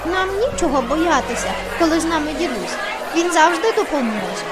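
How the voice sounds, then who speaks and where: A woman voicing an eager young elf girl in an audio fairy tale, speaking in an excited way. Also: high-pitched, a little fast, loud music behind the voice, over a noisy crowd, voice pushed up.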